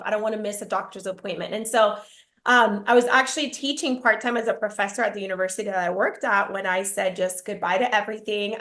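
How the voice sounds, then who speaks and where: Cuban-born and Miami-raised, she speaks at a medium pitch with a fairly bright tone. As a network marketing presenter giving a live promotional pitch, she talks up her business with bubbly, gushing enthusiasm.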